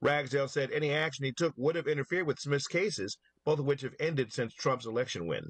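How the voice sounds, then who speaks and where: A man's voice: mid-range voice, animated, a little fast, breathy edge, no room sound. A man reading a scripted news report as a correspondent.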